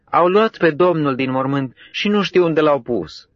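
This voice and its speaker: A man's voice: a little high, lively intonation, no echo, lo-fi sound, pitched above the performer's own voice, close to an everyday voice. A man voicing a grieving, pleading woman disciple.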